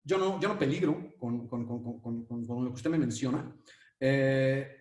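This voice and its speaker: A man's voice: medium pitch, unhurried, a little mellow, close to an everyday voice. A man with a Mexican accent voicing an indifferent, busy hen who stammers as she brushes off a request. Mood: dismissive. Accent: Mexican Spanish. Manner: dismissive, stammering. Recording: echoey room, mic at a distance.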